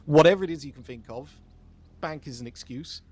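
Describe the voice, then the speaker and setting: A man's voice: fairly high pitch, brisk, a little mellow. Man casually briefing players. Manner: casual, rambling instructions. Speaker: event organizer.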